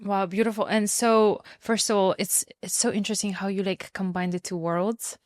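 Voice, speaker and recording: A woman's voice: medium pitch, fairly even intonation, normal speed, no echo, clean studio sound. A woman hosting a podcast interview before a live audience, talking in an enthusiastic, chatty way with lots of "like.". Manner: enthusiastic, chatty, heavy use of "like". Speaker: podcast host.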